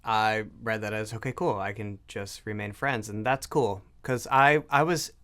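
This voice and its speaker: A man in his thirties with a smooth, clear voice talks casually, throwing in jokes and then turning reflective as he tells his side of the story. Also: lowish voice, steady tone, normal speed, fairly bright tone. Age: 30s. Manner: joking interjections, reflective when telling his side. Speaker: co-host of a couple's channel.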